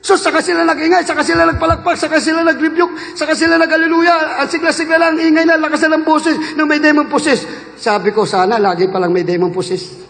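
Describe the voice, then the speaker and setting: A man in his fifties, from the Philippines, preaching a fervent sermon that swings between loud shouts and quiet asides, recorded in a church hall. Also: very high voice, fairly even intonation, fast, creaky. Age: 50s. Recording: echoey hall with long reverb.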